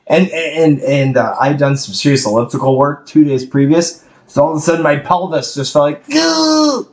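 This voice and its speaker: A man's voice: on the high side, animated, normal speed. A young man in his late twenties talks in a slightly raised voice with a wry, articulate turn of phrase. His words carry a roomy echo, as if from a bare room. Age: 20s. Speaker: podcast guest, actor. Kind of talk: casual chat.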